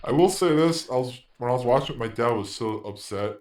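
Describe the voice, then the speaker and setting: A man co-hosting a casual podcast chat, laid-back and quick to laugh, a little defensive. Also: mid-range voice, expressive, a little mellow, echoey room. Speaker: podcast co-host.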